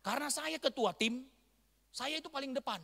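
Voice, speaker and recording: A man from North Sumatra preaching an animated storytelling sermon to a church congregation. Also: very high-pitched, moderate pace, gravelly. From Batak, North Sumatra, Indonesia. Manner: animated storytelling, bursts into shouts and laughter. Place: large church hall. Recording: long church-hall reverb.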